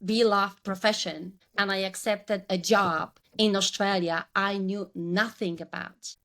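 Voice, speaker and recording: A Polish branding coach in her forties, speaking with a Polish accent, reflects on her career story as a podcast interview guest, often restarting her sentences. Her voice is medium-pitched with a fairly bright tone.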